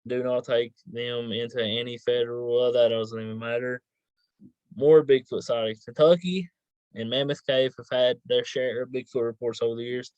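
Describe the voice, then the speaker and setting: A man's voice: mid-range voice, fairly even intonation, normal speed, a little mellow, smooth, no echo. Man interviewing, dull dry recording. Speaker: host, interviewer. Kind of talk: casual interview, reading out questions.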